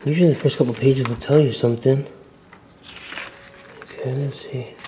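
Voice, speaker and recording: A man giving a casual, excited walk-through vlog of an old mansion, chatty and often dropping to a murmur. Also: mid-range voice, normal speed, faint music behind. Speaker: vlogger touring a historic mansion. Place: indoors, large old house.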